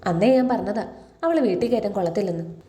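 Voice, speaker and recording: A woman's voice: mid-range voice, quick pace, dark tone, echoey room, natural voice. A woman reading the lines of a bitter middle-aged mother who scolds with contempt, in a serial recap. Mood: scornful.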